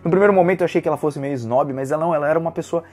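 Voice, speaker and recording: Excitable Brazilian man reviewing manga. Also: a little high, racing, faint music behind. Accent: Brazilian Portuguese. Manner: animated, emotional retelling with slangy fillers. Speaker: manga reviewer, channel host. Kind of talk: casual video review.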